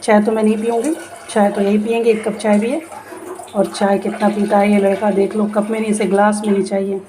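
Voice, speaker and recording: A woman chats into her camera at home, telling everyday stories and acting out her husband's remarks in quick bursts. Her pitch sits in a middle range. Faint street noise from outside comes through behind her voice. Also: flat delivery. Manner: chatty storytelling, acts out husband's quoted lines. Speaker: vlogger. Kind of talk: casual vlog chat. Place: home room facing a noisy street.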